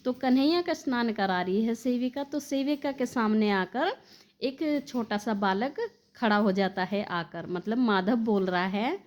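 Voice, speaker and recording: A woman narrating a devotional story in a slightly high voice. She speaks fondly and directly to her listeners as dear devotees, in a plain storytelling manner. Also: a little slow.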